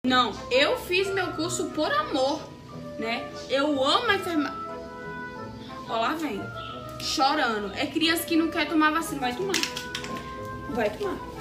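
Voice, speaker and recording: A woman acting out comedy sketches, blunt and sarcastic, flipping from sweet baby talk to threats. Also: very high-pitched. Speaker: comedy sketch performer playing a nurse and a lifeguard. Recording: echoey room with loud music.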